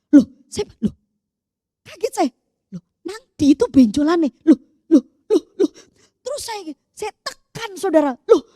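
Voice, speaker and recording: A woman pastor with an East Javanese accent, preaching a sermon in a lively storytelling way and addressing the congregation directly. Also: very high voice, dry recording, studio quality.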